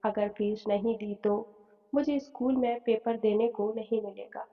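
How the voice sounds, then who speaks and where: Woman reading a polite young school girl asking her dad, flat and even, tinny echoey sound. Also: medium pitch, unhurried. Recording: phone-like tone, long reverb, soft music.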